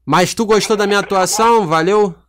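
A young man with a Brazilian accent rambling through a joking pitch for a film in a prank phone call. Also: brisk, noisy background. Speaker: YouTuber.

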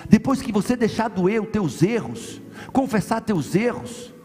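A man's voice: sits high, animated, unhurried, warm tone. A man from Brazil preaching an impassioned conference sermon, emphatic, repeating his phrases and calling on the congregation to answer. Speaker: pastor. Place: large church hall. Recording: live church hall with reverb and music.

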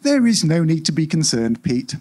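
A man reads a near-future story live, playing a customer-service AI whose scripted corporate patter is endlessly courteous and utterly unyielding. At a moderate pace, his slightly husky voice swings lively in pitch, bland and implacable in mood.

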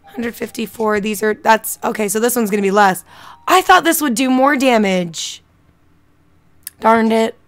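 A woman streaming a game live, talking through every move in a voice set a touch high. She is chatty and quick to get excited, reacting out loud and musing to herself as she plays. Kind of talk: live gameplay commentary.

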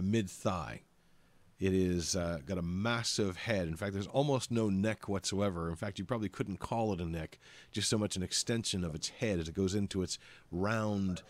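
A man with a very deep, low voice runs a tabletop game as its narrator. He describes each scene in a halting way, stopping often on "uh" and "um" while he searches for the next detail. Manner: hesitant, many ums and uhs while describing scenes. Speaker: game master.

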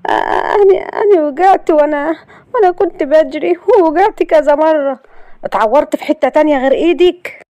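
A woman's voice: sits high, fairly even intonation, a little fast, darkish tone, dry recording, dull audio, voice pushed up. A woman voicing a frightened young woman with an Egyptian accent, who pleads in a trembling, breathless way. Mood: pleading.

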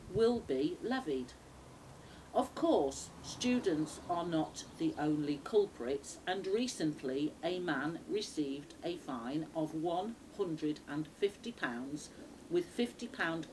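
A woman reading scripted dictation in a deliberate way, phrase by phrase with pauses, recorded outdoors by a camera a few metres away. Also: low voice, a little mellow, a little hiss or hum, low-quality recording. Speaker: shorthand dictation reader. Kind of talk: measured shorthand dictation read from a script. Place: small outdoor backyard patio.

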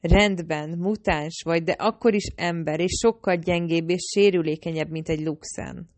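Egy nő, aki egy hangoskönyvben egy védelmező, parancsolgató, hirtelen haragú fiatal férfit szólaltat meg. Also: female voice, on the low side, fairly even intonation, darkish tone, no room sound, lightly acted. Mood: dismissive. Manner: commanding, exasperated. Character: protective, bossy young man, quick to anger.

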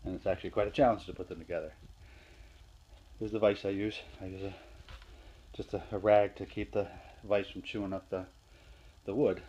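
Man, very low voice, casual workshop vlog, plain and unhurried, phone camera in a garage, faint hiss. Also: darkish tone, muffled recording. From Northeastern Pennsylvania. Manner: plain, unhurried, with fillers and restarts. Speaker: hobby woodworker. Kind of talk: casual show-and-tell vlog. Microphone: handheld phone camera.

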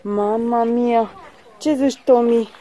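A woman's voice: fairly high pitch, steady tone, very noisy. A woman filming a casual walking vlog in a village garden on a phone, exclaiming often and talking to her viewers. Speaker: vlogger.

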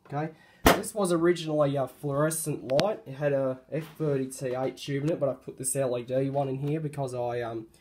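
A hobbyist with a cold, his voice hoarse and croaky, gives a casual show-and-tell of a light fitting he refurbished, speaking haltingly with lots of ums and self-corrections. His mid-pitched voice holds a steady tone, and he's recording on a phone in a room at home amid heavy background noise.

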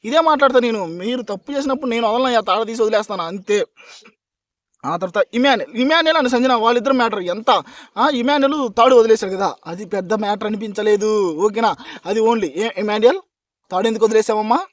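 A man's voice: very high-pitched, fast talker, no room sound, studio quality. A man reviewing a reality show in a heated rant, arguing hard and repeatedly checking that his listeners agree. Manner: combative, keeps asking listeners "okay?"; argumentative, repeats points for emphasis. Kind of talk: heated opinion rant to camera.

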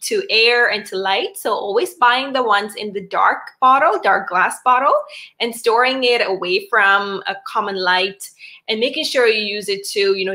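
Woman from Sri Lanka, health presenter, bright, slightly high voice, chatty with fillers, video-call audio. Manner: chatty, many fillers and restarts. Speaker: wellness doctor presenting a webinar.

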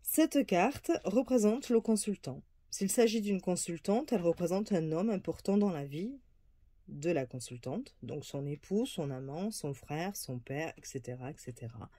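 Woman, oracle card reader, hesitant, halting, mellow voice, dry close sound. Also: on the low side, lively intonation, dry recording. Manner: hesitant, many fillers and restarts. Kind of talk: casual card reading presentation.

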